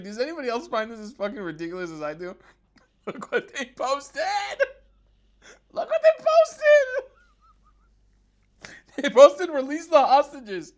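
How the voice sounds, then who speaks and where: A man hosting his own channel, giving mocking, sarcastic commentary on news clips, often laughing and swearing. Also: sits high. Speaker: political commentary host.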